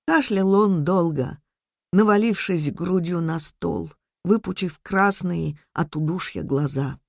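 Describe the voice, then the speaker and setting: A woman narrating a story in a measured, steady way. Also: on the low side, vocal fry, dry recording, studio quality. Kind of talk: scripted narration.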